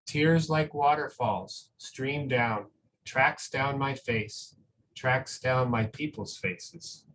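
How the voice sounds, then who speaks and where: At a slow pace, a man with a mid-range, fairly bright voice reads a picture book to school families and comments casually, in an encouraging, conversational manner that frequently checks in with "right?". Background noise is noticeable throughout the recording.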